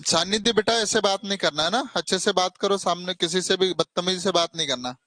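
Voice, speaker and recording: A man's voice: high voice, brisk, pushed and bright, no room sound. A man teaching maths to children in a classroom, coaxing and mildly scolding them as he works through problems. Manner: coaxing, mildly scolding, calls students "beta". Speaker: maths tutor.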